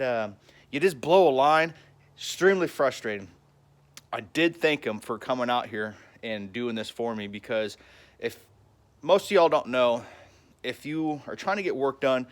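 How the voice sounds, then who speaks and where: A man's voice: mid-range voice, a bit bright. Guy doing a homestead vlog outside, folksy and jokey, talking right to the camera. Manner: folksy, joking, talks straight to viewers. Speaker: homestead vlogger. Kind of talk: casual vlog talk to camera.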